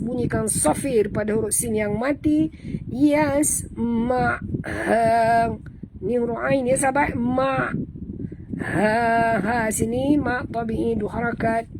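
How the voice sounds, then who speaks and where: A woman with a Malaysian Malay accent teaching Quran recitation, correcting pronunciation methodically and chanting verses in slow, drawn-out tones. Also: a little high, background noise. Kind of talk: tajweed lesson.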